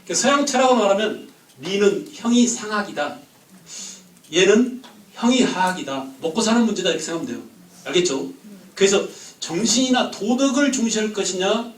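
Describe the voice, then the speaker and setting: A man teaching a history class, firing quick questions at the students and joking with them. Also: high-pitched, very animated, reverberant, distant mic, poor audio. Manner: quizzes the class with quick questions, jokes and laughs. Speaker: history lecturer.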